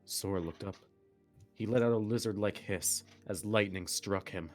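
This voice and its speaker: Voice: low voice, normal speed, soft background music. Someone reading fan fiction aloud in a melodramatic way, with joking asides. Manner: melodramatic narration, breaking into laughter and asides. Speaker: reader of a story, with commentary.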